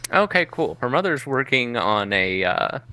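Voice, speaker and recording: A man narrating as game master in a relaxed, descriptive way, thinking aloud. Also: medium pitch, normal speed, clean tone, dry recording.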